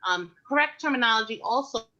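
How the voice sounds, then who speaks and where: A woman health educator talks frankly and animatedly, tossing in rhetorical questions and fillers. Her voice is bright and forward. The recording is muffled and lo-fi. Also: on the high side, animated, fast talker. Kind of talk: casual conversational advice.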